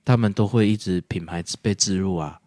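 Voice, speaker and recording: Low-voiced man chatting casually. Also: brisk, dark tone, no room sound, studio quality. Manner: rambling, explanatory, many fillers and restarts. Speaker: podcast co-host. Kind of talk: casual chat.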